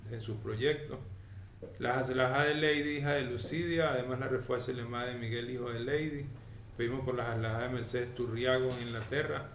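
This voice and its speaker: A man teaching a weekly Torah lesson in a didactic way, often checking that his listeners follow. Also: medium pitch. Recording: echoey room with faint noise.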